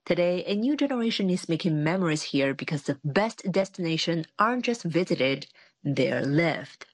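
A woman news reporter narrating a scripted feature story in a measured delivery. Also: fairly low pitch, lively intonation, no echo.

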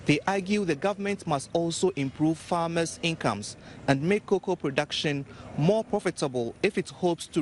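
A man's voice: fairly high pitch, a little hiss or hum. Male news correspondent signing off a report. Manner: measured, formal.

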